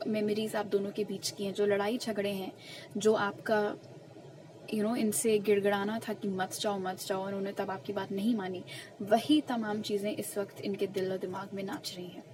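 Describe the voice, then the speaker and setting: A woman's voice: mid-range voice, noisy background. A young woman giving a pick-a-card tarot reading, explaining each message earnestly and with emphasis. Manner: slow, soft murmured questions while shuffling cards. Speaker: tarot reader.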